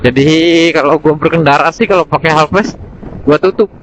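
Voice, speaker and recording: A man with a fairly high, slightly bright voice talks at normal speed while riding, recorded outdoors through an intercom camera mic inside his full-face helmet. The audio has highs cut off and a little background noise. As a motorcycle vlogger, he rambles in a casual, slangy way through a motovlog chat and product review.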